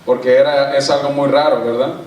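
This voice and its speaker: A man preaching a sermon in a church, a lively, joking speaker who tells funny stories and calls on the congregation. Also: medium pitch, brisk, recorded from a distance, a little hiss or hum. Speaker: pastor. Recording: echoey church hall, mic from afar.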